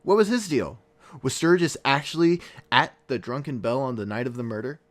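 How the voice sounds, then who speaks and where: A man voicing an earnest, world-weary podcast investigator narrates a true-crime case, measured and reflective, pausing for drama. His mid-range voice sounds natural, and his tone is probing.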